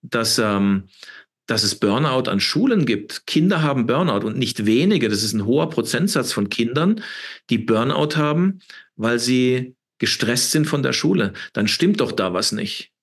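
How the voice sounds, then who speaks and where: Husky fifties male guest, emphatic and preaching, rough-edged voice, mid pitch. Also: big pitch swings, unhurried. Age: 50s. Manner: preachy, emphatic, repeats words and tags with "ne?". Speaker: interview guest. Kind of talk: impassioned interview talk.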